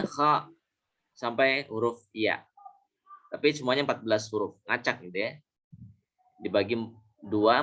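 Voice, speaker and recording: A man teaching Arabic pronunciation in a lesson, repeating example words slowly and correcting himself with small fillers. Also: lowish voice, a bit bright, highs cut off. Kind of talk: classroom lesson.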